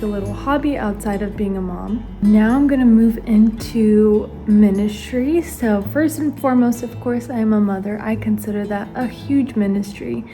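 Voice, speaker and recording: While putting on makeup for a casual get-ready-with-me video, an early-twenties stay-at-home mom talks earnestly to the camera, watching herself in it as a mirror. She was born in Ukraine and raised in the US, and her voice is fairly high and mellow.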